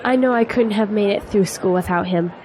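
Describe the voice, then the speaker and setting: Voicing a teasing yet earnest young graduate in a scripted audio drama, a young adult actress speaks briskly in a mid-range, slightly mellow voice, acting only lightly. The audio is poor, with faint noise and an outdoor crowd audible behind her.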